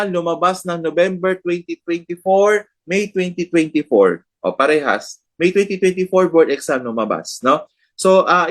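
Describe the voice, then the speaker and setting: A man's voice: a little high, fairly bright tone. A man with a Filipino accent giving a nursing board review lecture, checking in with "no?" and "di ba?" after nearly every point. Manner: mixes English terms into Tagalog, tags lines with "no?" and "di ba?".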